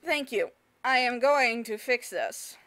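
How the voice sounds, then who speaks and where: Young woman doing let's play commentary, jokey and self-mocking, bright voice, talks slow. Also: on the high side, expressive. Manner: joking, playful, self-mocking. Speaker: gameplay streamer.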